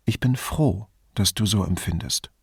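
A man reading an audiobook voices a thoughtful, curious woman who asks probing questions and gently teases. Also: fairly low pitch, a little slow, gravelly, slightly rough, no room sound, clean studio sound, full character voice. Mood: tender. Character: thoughtful middle-aged woman, curious, wry.

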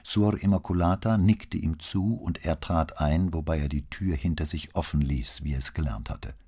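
A man narrating an audiobook in a measured, expressive storytelling manner. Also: a bass voice, husky. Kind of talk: scripted narration.

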